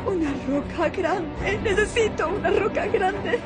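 A dubbing actress in a soap opera voices a tense older woman urging a young woman on, pleading and giving orders in a high, urgent voice. She speaks slowly and deliberately. Dramatic music swells behind her along with a loud crowd.

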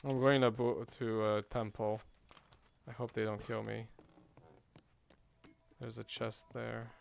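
A man's voice: medium pitch, little pitch movement, takes it slowly, creaky, slight background noise. A man playing an online game, impatiently calling out orders to teammates and swearing. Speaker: player. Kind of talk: gameplay voice chat. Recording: game music behind. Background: game music.

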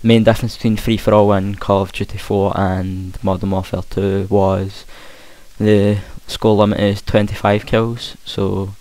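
A young man with a broad Scottish accent gives casual, hesitant gameplay commentary, trying to speak clearly, on a hissy home recording. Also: lowish voice, little pitch movement, unhurried, a little mellow, dry recording. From Scotland. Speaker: gaming commentator. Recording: hissy home mic with faint noise. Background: game gunfire.

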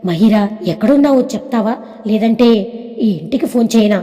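A woman's voice: fairly high pitch, lively intonation, normal speed, warm tone, natural voice. A woman voicing a blunt young man who scolds his friend and argues with his mother, in a storybook reading. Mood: stern scolding. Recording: echoey reverb.

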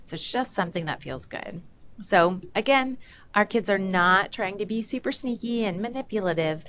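A woman's voice: mid-range voice, animated, moderate pace, a bit bright, a little hiss or hum. A woman presenting as a behavior analyst, explaining examples in a lecture and acting out children's voices now and then. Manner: explanatory, acts out examples in a playful voice. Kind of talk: conference talk.

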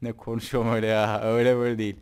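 A man's voice: on the low side, monotone, racing, a little mellow, smooth. A man giving casual, joking let's-play commentary, chatting and teasing the game characters as he plays. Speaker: gameplay commentator.

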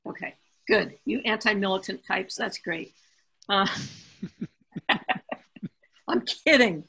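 A woman chairing a council meeting over a video call, brisk and joking as she moves through votes. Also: mid-range voice, vocal fry, sharp tone, breathy edge, poor audio.

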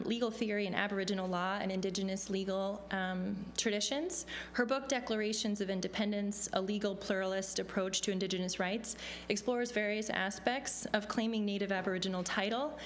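A young woman at a podium reads a panelist's introduction, measured and dotted with ums. Her voice sits at a middle pitch, with a faint hum behind it. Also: steady tone. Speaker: panel moderator. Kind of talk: reading a speaker introduction. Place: law school lecture hall. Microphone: podium microphone.

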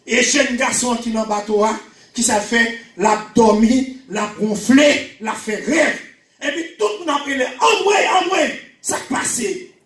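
A high-pitched middle-aged man with a Haitian Creole accent preaches in a small church, often shouting and repeating phrases for emphasis. His handheld microphone is picked up from a distance, so the voice sits back in the room. The church space adds a noticeable echo. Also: measured pace. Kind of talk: sermon. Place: small church hall with pulpit.

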